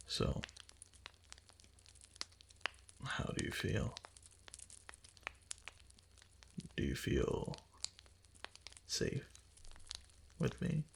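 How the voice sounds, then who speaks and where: A man acts as a doting, obsessive fox-spirit husband in an intimate ASMR roleplay, speaking close to the mic in a breathy half-whisper that is tender, hesitant, gentle and coaxing. His fairly low voice is heavily acted, and the background is noisy.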